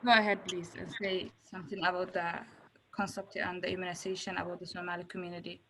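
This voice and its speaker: A woman moderating a round-table video call, introducing speakers haltingly with many uh fillers. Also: lowish voice, level tone, noisy background.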